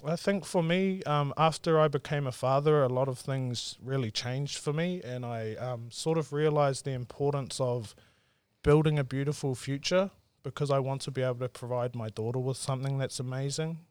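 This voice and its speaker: A man's voice: medium pitch, fairly even intonation, normal speed, a little mellow, smooth, no room sound. A man in his twenties from South Auckland with a Māori New Zealand English accent, chatting in a laid-back, earnest way as an interview guest. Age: 20s. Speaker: podcast guest, entrepreneur. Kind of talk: casual interview chat.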